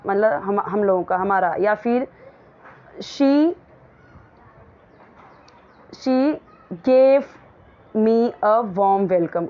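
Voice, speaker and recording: A woman English teacher. She reads a story line by line and explains each word in friendly, chatty Hindi, reading the English parts slowly and clearly. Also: medium pitch, muffled recording.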